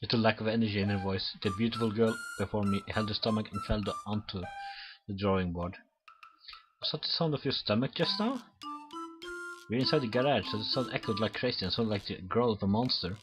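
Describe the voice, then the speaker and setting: A man with a fairly low voice, speaking a little fast, reads visual novel text for a let's play. He stumbles over words and restarts often, and game music sounds clearly behind him.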